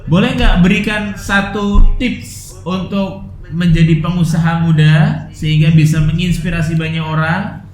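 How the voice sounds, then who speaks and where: A male interview host puts his questions politely and respectfully. His voice sits a little high and rings out in a roomy, echoing space. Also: fairly even intonation, unhurried, few pauses, darkish tone. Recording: roomy echo.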